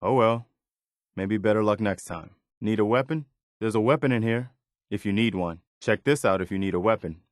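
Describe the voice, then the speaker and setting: A male actor voices a wasteland game's loyal militia officer, his low voice captured close and dry without echo. The lightly acted lines sound casual and helpful, yet still measured and conscientious, carrying a hint of weariness.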